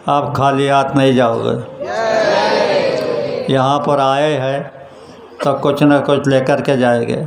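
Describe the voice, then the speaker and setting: Slow, echoey male sermon voice. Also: mid-range voice, level tone, vocal fry, background noise. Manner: slow, patient storytelling to a congregation. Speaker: spiritual teacher. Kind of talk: storytelling sermon. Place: religious gathering hall. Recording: echoey hall sound.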